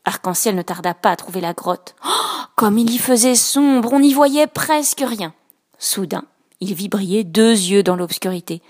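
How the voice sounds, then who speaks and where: A woman reading a children's picture book aloud with soft, expressive storytelling. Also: medium pitch, normal speed. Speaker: storybook reader.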